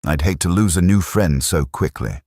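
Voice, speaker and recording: A man's voice: deep voice, normal speed, a little mellow, no room sound, clean studio sound. A man voicing a cheeky young British soldier who talks in a breezy, teasing way.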